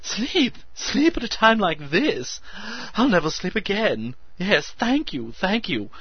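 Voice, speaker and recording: A man voicing a skinny, eccentric male alchemist who talks in a shrill, piping, hysterical gush. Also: sing-song, slow, slightly rough, no room sound, highs cut off, full character voice. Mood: hysterically excited. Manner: hysterical, breathless, gushing.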